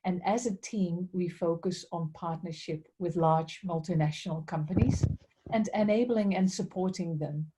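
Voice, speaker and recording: A fairly low, mellow female voice at normal speed comes through poor audio. She has a Dutch accent and is a head of strategic accounts, politely presenting a business webinar over video call and frequently voicing her gratitude.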